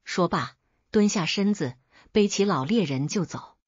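A woman narrating folk tales as a storyteller, in a steady, even reading. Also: lowish voice, unhurried, slightly rough, no echo. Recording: dull dry recording.

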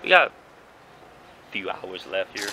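Young male vlogger, loose slangy delivery, lowish voice, filmed at arm's length over street noise. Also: big pitch swings, takes it slowly, bright, forceful tone, low-quality recording. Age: young adult. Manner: loose slangy talk with frequent laughs. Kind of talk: casual road-trip vlog. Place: car, gas station and city streets outdoors. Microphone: handheld camera at arm's length. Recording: street and car noise behind.

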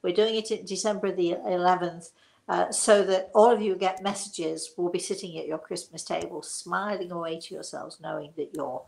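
Chatting casually in her living room as host of her own show, this woman in her sixties drifts effusively from tangent to tangent. Her gravelly, slightly mellow voice is on the low side with fairly even intonation at normal speed, though the audio is poor.

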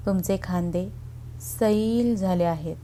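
A woman narrating a guided meditation in a calm, soothing, unhurried way with long pauses, over background music. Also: on the low side, a little hiss or hum.

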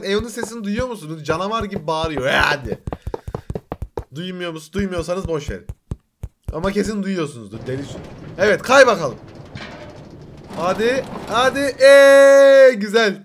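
A young man with a Turkish accent giving an excited reaction commentary, with loud exclamations, laughs and teasing slang. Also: high-pitched, a little hiss or hum. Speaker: YouTuber reacting to an animation.

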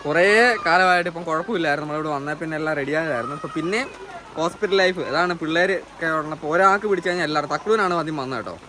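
A man's voice: fairly high pitch, very fast. Chatty Keralan man vlogging in rain. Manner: chatty, tells the family news with a laugh. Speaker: family vlogger. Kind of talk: casual vlog chat to camera. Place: home in heavy rain. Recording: outdoor mic with loud noise.

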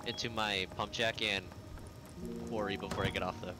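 A man in casual voice chat during a team game, talking in a loose, relaxed way. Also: fairly low pitch, moderate pace, over music. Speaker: gamer on voice chat.

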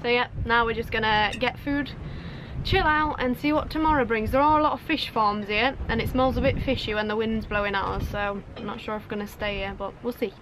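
A young woman chatting casually to camera from a sailboat at anchor, teasing and quick with exclamations. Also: a little high, steady tone. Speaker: sailing vlogger. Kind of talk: casual vlog chat. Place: outdoors on a sailboat deck at anchor. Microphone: handheld camera at arm's length. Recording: outdoor wind and boat noise.

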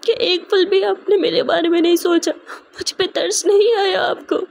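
Woman voicing a betrayed young woman, reproachful, tearful, high-pitched. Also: fairly even intonation, normal speed, gravelly, a little hiss or hum. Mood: bitter tearful.

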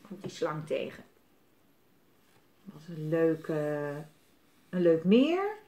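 A woman's voice: sits low, very animated, slow, warm tone. A woman reading a picture book aloud to children, chatting about the pictures between passages. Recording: roomy echo.

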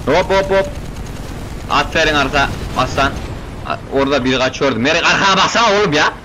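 Young man, slightly high voice, bright tone, joking gameplay commentary, faint background noise. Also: brisk. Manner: joking, excitable, chatting with game characters; keeps saying "brother" as a filler. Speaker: gaming video host. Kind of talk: playthrough commentary.

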